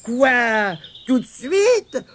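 A man voicing a good-natured, gentle young boy in a storybook reading. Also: very high voice, sing-song, slow pace, voice pushed up, heavily acted. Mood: reluctant. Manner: gentle, friendly.

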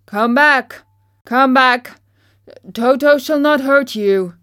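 A woman voicing a kind, courteous male tin man who speaks slowly and earnestly. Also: lowish voice, darkish tone, no echo, clean studio sound. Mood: calling out.

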